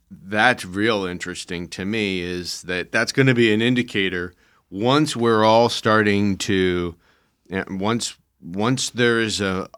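A man's voice: low voice, fairly bright tone, clear, resonant tone. Playful middle-aged man co-hosting a podcast. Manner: playful, laughs at himself. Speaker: podcast co-host. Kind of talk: casual faith podcast discussion.

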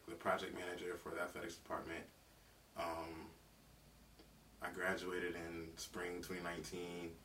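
A man in his twenties from South Carolina, hosting his own podcast in a relaxed, rambling way, with lots of fillers and casual slang. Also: deep voice. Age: 20s. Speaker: podcast host. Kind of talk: casual solo podcast talk. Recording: distant mic with faint background noise.

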